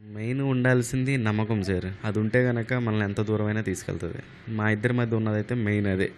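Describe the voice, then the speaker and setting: Interviewee, man in his thirties; low voice, faint background noise. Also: fairly even intonation, a little fast. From Krishna district, Andhra Pradesh. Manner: plain-spoken, mixes in English.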